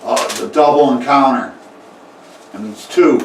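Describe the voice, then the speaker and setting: A man narrating as game master in a casual tabletop game, talking haltingly with many fillers and restarts. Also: medium pitch. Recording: echoey room, mic far off, faint noise.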